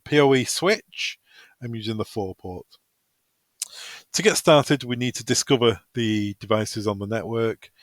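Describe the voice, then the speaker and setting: A man at medium pitch, in a dry recording, delivers an informal, practical product tutorial, walking through the software step by step in a semi-improvised way.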